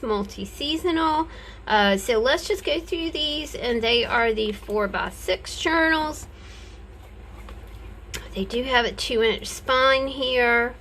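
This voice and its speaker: A woman chatting casually in a craft vlog, talking carefully and haltingly with a stitched mouth after oral surgery. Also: fairly high pitch. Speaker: crafter presenting handmade journals. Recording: steady background noise, home recording.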